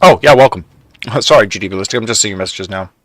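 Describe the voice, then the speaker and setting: A man's voice: on the low side, quick pace, fairly bright tone, no room sound. A young man from Canada streaming a factory game, chatting casually with his viewers and laughing often. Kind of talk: casual live stream chat.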